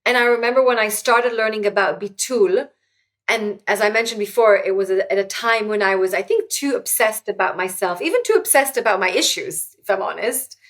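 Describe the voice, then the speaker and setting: A middle-aged woman, a native Hebrew speaker, is a guest author giving reflective interview talk. Her mid-range voice is fairly quick and fairly bright in tone. She speaks earnestly, often restarting sentences and using many fillers.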